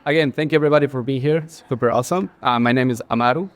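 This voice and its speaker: In rapid-fire speech with a mid-range voice, the Ecuadorian creative director in his forties answers as the guest in a casual interview. The setting is a bar with a live audience, and he speaks with an Ecuadorian Spanish accent. He sounds earnest, with many fillers and restarts.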